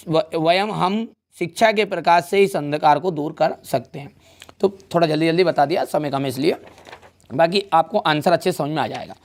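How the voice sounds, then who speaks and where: Step by step, a young male teacher leads a revision lesson in a somewhat high voice. He checks in with his students often, in a friendly and easy manner.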